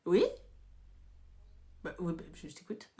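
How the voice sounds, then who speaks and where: A woman hosting a casual live chat, playful and teasing, swinging between loud outbursts and hushed whispers. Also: lowish voice, very animated, very slow. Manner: playful, teasing, mixes French with Arabic. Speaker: live stream host.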